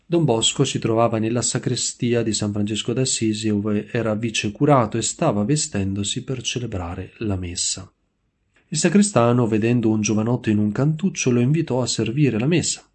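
Man narrating a story, low mellow voice, slow and solemn. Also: husky. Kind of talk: scripted narration.

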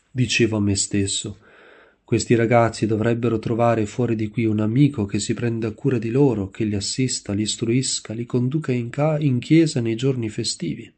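A man reading the part of a gentle, devoted young priest who questions a boy kindly. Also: medium pitch, close to an everyday voice. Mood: sorrowful.

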